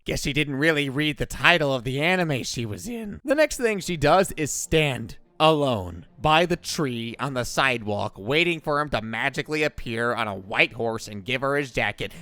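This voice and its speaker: A man's voice: on the high side, fairly bright tone, dry recording. A man narrating a scripted comedic story recap in a slangy, irreverent way with sarcastic asides.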